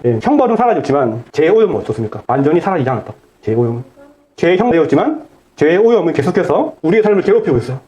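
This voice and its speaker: A man's voice: on the high side, dark tone. A man preaching a sermon as pastor. He asks the congregation questions, answers them himself, and repeats key phrases for emphasis.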